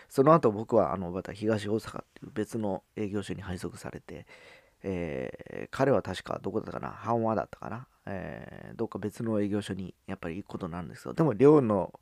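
A man from Fukuoka with a Hakata accent, telling a personal story in a casual monologue, pausing often on filler sounds. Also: low voice, creaky, darkish tone, dry recording. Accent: Hakata dialect. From Fukuoka, Japan. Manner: halting, with frequent "um" fillers and drawn-out phrase endings.

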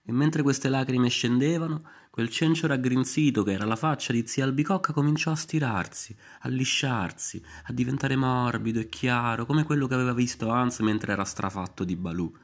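A man narrating an irreverent storybook serial in a wry, deadpan manner. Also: medium pitch, normal speed, few pauses.

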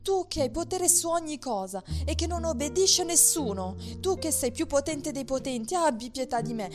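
A woman voicing an arrogant, spiteful little half-rooster in a storybook tale, speaking in a shrill, loud, boastful way. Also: very animated, a little fast. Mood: pleading. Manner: shrill, boastful, later pleading in panic. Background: soft music.

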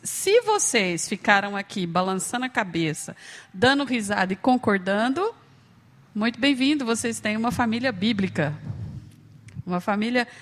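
Playful Brazilian woman preaching in a hall. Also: a little high. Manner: lively, playful, acts out quoted voices. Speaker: speaker at a church gathering. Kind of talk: humorous storytelling sermon. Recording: long hall reverb.

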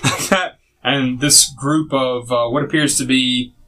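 Man, game master, bright forceful voice, casual rambling narration, fillers and laughs. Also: mid-range voice, fairly even intonation, measured pace, low-quality recording.

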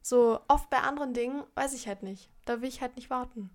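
Fast, high-voiced emphatic young woman. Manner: emphatic, heated, lots of filler words. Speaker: vlogger. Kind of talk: casual chat to viewers.

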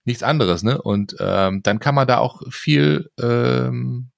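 A middle-aged man in casual conversation, rambling and restarting often, with animated asides. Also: mid-range voice, takes it slowly, vocal fry, no echo, clean studio sound. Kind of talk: casual chat.

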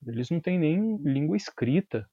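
In a casual interview, a violin teacher with a Brazilian Portuguese accent explains ideas animatedly, full of slang and tag questions. His voice is a little high at normal speed, lo-fi, with no room sound.

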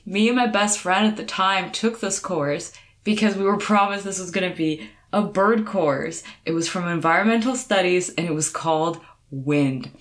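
A woman's voice: lowish voice, normal speed. A woman co-hosting a casual chat, telling stories with dry, sarcastic humor. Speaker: podcast co-host.

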